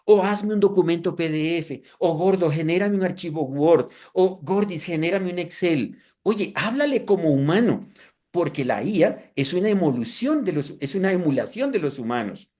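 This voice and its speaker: A man's voice: fairly high pitch, normal speed. A man in his fifties presenting a live webinar demonstration, asking the audience questions and making self-deprecating asides. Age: 50s. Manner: lively, asks the audience rhetorical questions.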